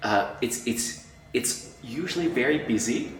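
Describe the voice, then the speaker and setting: An Austrian entertainment journalist, a middle-aged man, answers interview questions in an animated way, acting out colleagues he quotes and often restarting his sentences. His voice is medium in pitch and unhurried, with a little hiss or hum. The room is echoey and he sits a bit far from the mic.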